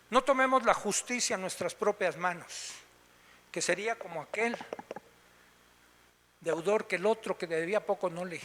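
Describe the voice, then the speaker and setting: A man's voice: sits high, bright, forceful tone, big-room sound. A man preaching a sermon, telling stories with animation and asking rhetorical questions. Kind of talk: sermon with storytelling. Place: church meeting room.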